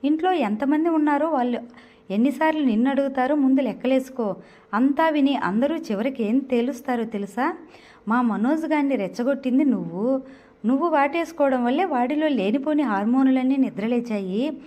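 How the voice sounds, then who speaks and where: A woman's voice: sits high, a little fast, dark tone, close to an everyday voice. A woman voicing a smug young man who teases and argues stubbornly, in a storybook reading. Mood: teasing. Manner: teasing, stubborn, smirking argument. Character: smug teasing young man, about to marry.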